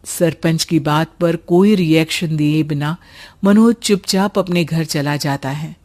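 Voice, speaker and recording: A woman's voice: low voice, a little slow, darkish tone. A woman narrating a scripted cartoon folk tale in a storyteller's style. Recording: music bed under the voice. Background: music.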